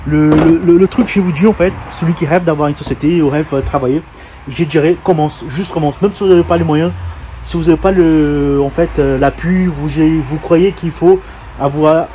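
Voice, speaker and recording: Speaking from outdoors at a truck yard and garage, with street noise in the background, a man from Brazil shares his story as a heavy-truck mechanic in a casual vlog. His voice sits on the high side and sounds warm, carrying a Brazilian Portuguese accent, and his speech is hesitant, full of fillers and restarts.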